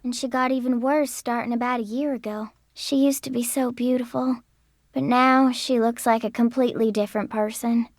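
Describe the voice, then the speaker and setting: A woman's voice: a little high, fairly even intonation, moderate pace, no room sound, clean studio sound. An actress playing a troubled, guarded young country woman in a video game, with a Southern US accent. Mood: sad, guarded.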